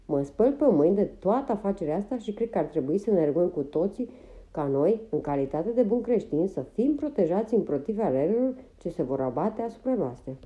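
A woman's voice: fairly low pitch, very animated, mellow, muffled recording. A woman reading as a self-righteous pious gossip. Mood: indignant.

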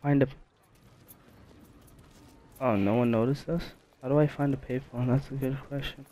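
A man's voice: mid-range voice, fairly even intonation, normal speed, mellow, slight background noise. A man giving casual, reactive commentary while playing a video game, often mumbling asides. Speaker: gamer.

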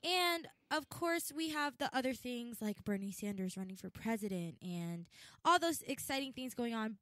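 Chatty woman hosting a talk show, kinda high voice, dry close sound, laughs easy. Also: fairly bright tone, dry recording. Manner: chatty, laughs easily, some restarts. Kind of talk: casual chat.

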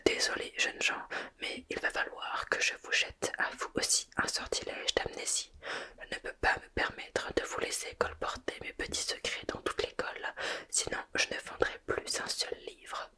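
A woman's voice: moderate pace, sharp tone, close to an everyday voice. A woman voicing a vain, evasive middle-aged male wizard professor, whispering hesitantly in a whispered role-play.

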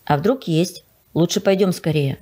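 A woman's voice: on the low side, moderate pace, mellow, breathy edge. A woman reading the part of a fussy, picky young boy who frightens easily, in a storybook read-aloud. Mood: whiny. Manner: fussy, complaining.

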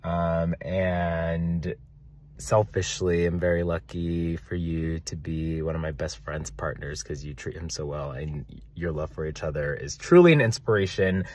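Low, slow-talking man, sincere. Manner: warm, sincere, rambling asides. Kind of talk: birthday video message.

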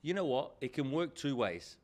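A man, answering press conference questions as a head coach in an animated way, often repeating key phrases for emphasis, at a table microphone in an indoor press room. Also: mid-range voice, moderate pace. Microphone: table microphone in front.

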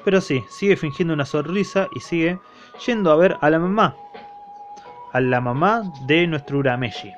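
A man's voice: fairly high pitch, normal speed, muffled recording, faint music behind. A man with an Argentine accent recapping a comic in a casual, slangy way, acting out bits of the characters' lines. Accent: Argentine Spanish. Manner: slangy, lively retelling that acts out the characters' lines. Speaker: manga reviewer.

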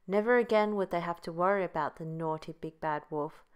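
Woman reading a kids bedtime story, lowish voice, super clear and bright. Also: fairly quick. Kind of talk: children's bedtime story narration.

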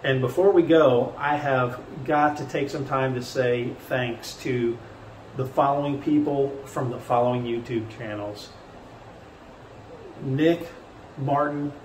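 A man talks through his travel vlog in a relaxed, wry way, full of dry humor. His voice sits at a middle pitch. It sounds a little distant and roomy, with a faint hiss behind it. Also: measured pace. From Indiana, USA. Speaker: travel vlogger. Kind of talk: casual travel vlog narration.

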